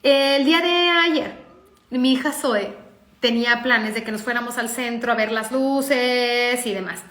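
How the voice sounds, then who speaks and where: Animated Mexican woman telling a story. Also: on the high side, a little slow. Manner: lively, acts out dialogue. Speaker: parenting speaker. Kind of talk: storytelling talk. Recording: echoey room.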